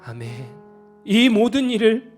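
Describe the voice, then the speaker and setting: A man preaching a Sunday sermon as pastor, pressing his listeners with rhetorical questions, then turning quiet and choked up as he confesses a personal story. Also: very high-pitched, sing-song, a little slow, faint music behind. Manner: fervent preaching with rhetorical questions, dropping to soft emotional confession.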